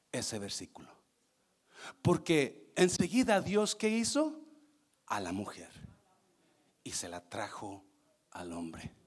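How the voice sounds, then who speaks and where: A male pastor preaching a sermon fervently, moving between calm teaching and shouted passages. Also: a little high.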